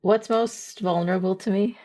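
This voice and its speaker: A woman's voice: medium pitch, steady tone, normal speed, mellow. A woman playing a tabletop role-playing game, casually improvising her character's actions and asking questions. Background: background music.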